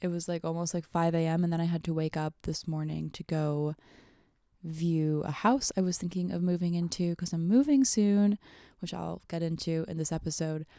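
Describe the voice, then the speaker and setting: A young adult woman, hungover, chatting casually on her solo podcast in a halting, rambling way that often trails off, with vocal fry. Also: fairly low pitch, steady tone, warm tone, no echo, studio quality. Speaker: podcast host.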